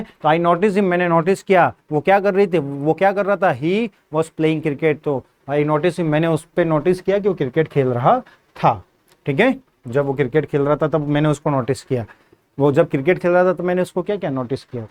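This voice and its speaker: A man's voice: fairly high pitch, brisk, darkish tone. A male teacher, giving an exam-prep English grammar lesson, repeating points, quizzing students and spelling words out letter by letter.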